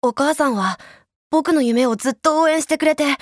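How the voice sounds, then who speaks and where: A woman's voice: high-pitched, moderate pace, dry recording, studio quality, lightly acted. A woman voicing an earnest young boy who speaks sincerely and a little hesitantly. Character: earnest young boy talking about his mother. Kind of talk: voice acting demo reel.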